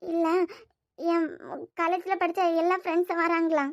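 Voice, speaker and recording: A woman's voice: extremely high pitch, flat delivery, normal speed. A woman voicing an anxious young wife in a cartoon, speaking in a plaintive, hesitant way with a Kanyakumari Tamil accent. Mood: troubled. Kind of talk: cartoon voice acting.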